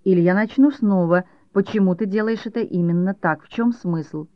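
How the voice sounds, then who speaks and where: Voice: medium pitch, moderate pace, no room sound, lightly acted. An audiobook reader voicing a blunt, impatient psychiatrist who presses with curt questions. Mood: probing. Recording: dull dry audiobook recording.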